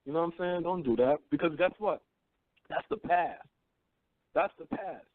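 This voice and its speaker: A radio host in his thirties runs a call-in show, talking bluntly and profanely, preaching, and often asking "you know what I'm saying." His voice sits on the high side at a moderate pace, with no room sound. The audio is tinny, like a phone line.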